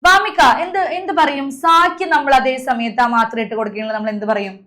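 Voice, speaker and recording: A woman's voice: sits high, fairly even intonation, fast talker, sharp tone. A young woman teacher leading an online class, calling on students by name and drilling letter sounds over a video call.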